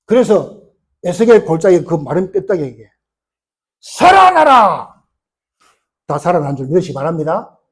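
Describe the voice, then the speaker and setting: A male pastor preaching a sermon in an animated way, firing rhetorical questions at the congregation. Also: on the high side, brisk, husky.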